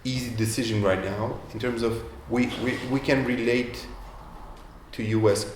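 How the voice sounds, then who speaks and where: In an echoey event room with faint ambience and slight hiss or hum, a Romanian entrepreneur answers interview questions live at a moderate pace. His medium-pitched voice stays fairly even, and his speech is packed with fillers and restarts.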